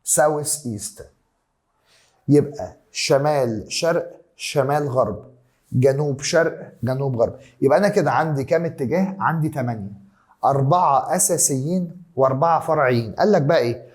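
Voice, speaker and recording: A man with an Egyptian Arabic accent explains a science lesson in class, repeating key terms and mixing in English words. His voice is medium-pitched and a little mellow, and he speaks briskly.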